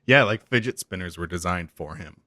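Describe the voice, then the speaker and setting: A man co-hosting a podcast in casual chat, easygoing and quick to laugh. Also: low-pitched, lively intonation, fairly bright tone, dry recording. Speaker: podcast co-host.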